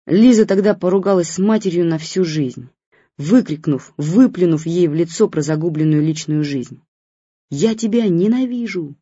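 An audiobook narrator reads a scripted passage calmly in a husky, dark voice of medium pitch at a moderate pace. The recording sounds dull and dry.

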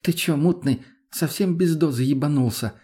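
A listless young woman who drawls her words without energy and snaps out blunt, rude remarks, as a male narrator puts her on. The voice is pitched noticeably higher than his own. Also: moderate pace, husky. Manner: sluggish, flat and bluntly rude.

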